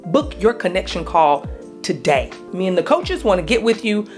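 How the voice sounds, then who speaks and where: A woman's voice: medium pitch, sing-song, normal speed, a little mellow, faint music behind. A woman coach hosting a casual talk, urging listeners on in an upbeat, exhorting way. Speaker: coach and podcast host. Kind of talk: casual encouraging chat.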